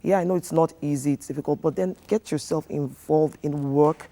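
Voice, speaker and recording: A man's voice: a little high, steady tone, a little fast, warm tone. A man, a relationship coach giving earnest, instructive advice in a TV studio interview, with many fillers.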